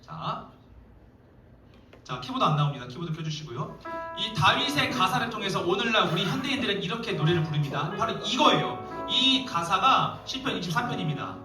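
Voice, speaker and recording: A man's voice: sits high, very animated, brisk, music in the background. A young man, a youth pastor, preaching a playful, joking sermon to teenagers in a church hall. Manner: playful, joking, addresses teens directly. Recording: echoey hall, mic far off.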